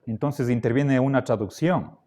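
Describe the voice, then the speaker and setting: A man teaching a class, lecturing deliberately and checking in with his students again and again. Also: mid-range voice, warm tone. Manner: slow, deliberate, checks understanding with frequent "¿sí?".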